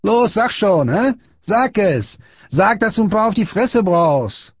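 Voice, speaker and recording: A man voicing a big bullying schoolboy who shouts and taunts aggressively, in an audiobook reading. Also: sits high, very animated, slow pace, breathy edge, dry recording, dull audio, pitched above the performer's own voice, full character voice. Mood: taunting.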